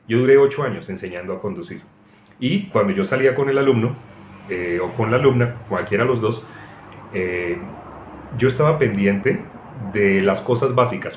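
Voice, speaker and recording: A middle-aged man preaching an informal sermon, telling personal stories in an animated way with frequent laughs. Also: lowish voice, a little hiss or hum. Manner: animated, tells anecdotes, mocks voices, frequent laughs. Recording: echoey room.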